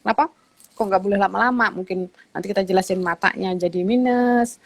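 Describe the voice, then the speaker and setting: A woman's voice: medium pitch, a little fast. A woman doctor, a guest on an online talk show, explaining patiently in a conversational way with frequent fillers.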